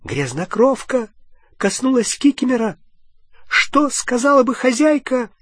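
A squeaky, high, wailing old house-elf, servile and heartbroken, stammering through his sobs. The voice is husky and loud, and it sits close to the mic in a dry space. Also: sing-song, measured pace, dry recording, exaggerated voice. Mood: scornful. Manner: sobbing, stammering, speaks of himself in third person.

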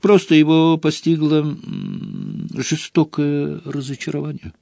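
A man voicing a serene, wise old male headmaster who speaks calmly and mildly. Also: a little high, takes it slowly, vocal fry, no room sound, studio quality, voice pushed up, heavily acted. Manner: calm, mild.

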